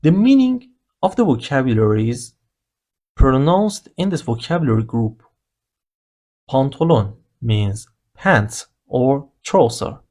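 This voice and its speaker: Slow patient male language teacher. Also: medium pitch, sing-song, a little mellow. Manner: patient, spells out grammar rules step by step. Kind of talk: slow explanatory lesson narration.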